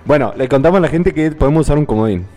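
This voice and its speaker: A man's voice: fairly high pitch, expressive, rapid-fire, a little mellow, soft background music. A man, playing a guessing game on a live stream, thinking aloud and repeating himself.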